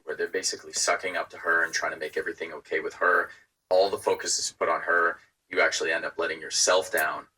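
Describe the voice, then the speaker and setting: A man giving dating advice in a played clip, in a steady lecturing way. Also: low voice, quick pace, husky, far from the mic, low-quality recording.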